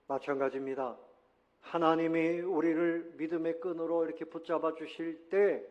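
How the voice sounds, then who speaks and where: A man pastor preaching a sermon. He leads the congregation in repeating lines and moves between loud exhortation and quiet storytelling. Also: a little high, lo-fi sound. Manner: leads congregation in call-and-response.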